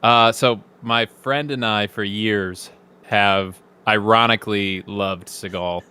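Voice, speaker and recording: A young adult man, a guest on a casual live chat, telling his story in a relaxed, easygoing way. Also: lowish voice, slow pace, clean tone.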